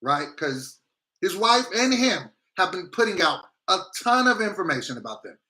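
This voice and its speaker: A man's voice: high voice, big pitch swings, moderate pace, sharp tone. A man chatting casually on a livestream in a blunt, slangy, opinionated way, speaking with a grill on his teeth. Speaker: livestream host.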